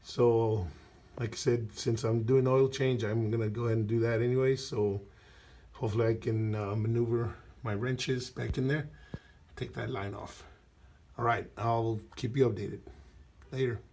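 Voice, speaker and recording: Hoarse from a cold and losing his voice, a DIY car mechanic vlogger rambles through a garage repair, holding a phone camera as he works under the vehicle. His mid-range, mellow voice keeps a steady tone and moderate pace, with lots of fillers and throat clearing in his casual walkthrough.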